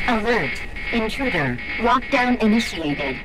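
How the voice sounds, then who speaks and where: A woman's voice: on the high side, expressive, unhurried, over music, poor audio. A woman voicing a malfunctioning security computer that announces errors in a glitching, robotic way in a video game.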